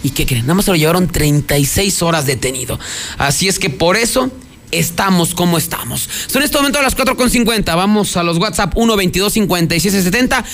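A man's voice: high voice, brisk, fairly bright tone, slight background noise. A Mexican man hosting a talk radio news show, telling crime stories in an indignant, chatty, moralizing way.

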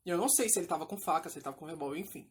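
A woman's voice: lowish voice, lively intonation, racing, slight background noise. A young woman telling a story in casual chat, reacting expressively. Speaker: group chat participant.

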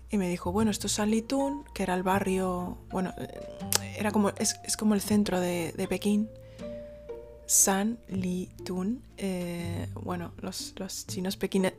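A woman from Spain, telling a personal story in a casual, rambling way with many fillers and restarts. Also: mid-range voice.

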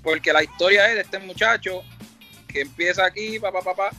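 A man's voice: high-pitched, brisk, pushed and bright, faint music behind. A middle-aged man with a Puerto Rican Spanish accent, a rapper telling his story in a casual interview, rambling and reflective, acting out the dialogue he quotes. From Puerto Rico.

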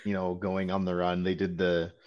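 A man's voice: deep voice, monotone, normal speed, smooth, lo-fi sound. A man co-hosting a podcast in a casual film chat, rambling and filling his talk with "like" and "you know.". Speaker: podcast co-host.

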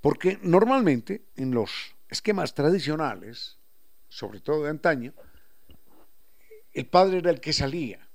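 Gravelly Ecuadorian highland man. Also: sing-song, unhurried, long pauses. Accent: Ecuadorian highland Spanish. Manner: explains with examples and acts out local turns of phrase. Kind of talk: reflective radio talk.

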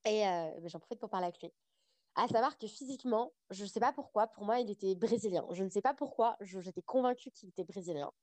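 A woman's voice: medium pitch, fast, no echo. Chatty young woman telling a story. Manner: chatty, animated storytelling with frequent fillers. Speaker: podcast guest. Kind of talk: casual storytelling interview.

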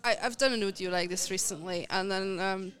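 A woman who works as a voice actress, talking casually as a podcast guest in animated bursts with frequent restarts. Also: mid-range voice, a little fast. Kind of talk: casual conversation.

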